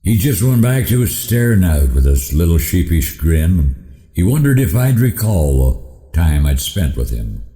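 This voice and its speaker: A man's voice: low-pitched, big pitch swings, unhurried, dark tone. A man with a folksy cowboy drawl, reciting a rhymed cowboy poem as a storyteller. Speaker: cowboy poet. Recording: roomy echoing hall.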